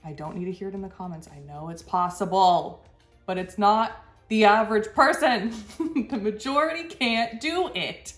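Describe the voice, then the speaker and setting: Speaking at a normal speed in a mid-range voice, a woman hosts a reaction commentary while stuffy with a cold. She's blunt and exasperated, dropping short laughs between points, recorded in an echoey room with music faintly behind her.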